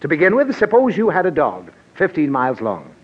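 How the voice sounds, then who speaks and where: Huge pitch swings mark this actor's husky, brisk, slightly high full character voice as an exasperated middle-aged father in 1940s radio comedy. He blusters and lectures his child, easily flustered. The recording is a dull old radio broadcast carrying a faint hiss.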